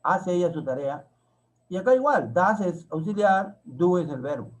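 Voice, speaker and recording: A Peruvian man with a high-pitched, expressive voice teaches an English grammar lesson over poor audio. He goes slowly, repeating example sentences and spelling out each word.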